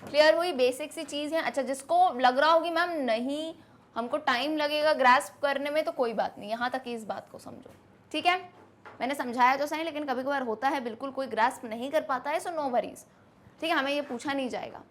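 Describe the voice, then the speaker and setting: Indian lady teacher, high pitched, explains stuff and asks "clear?" a lot. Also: brisk. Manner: lively, asks questions to students, mixes Hindi and English. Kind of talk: classroom lesson explanation.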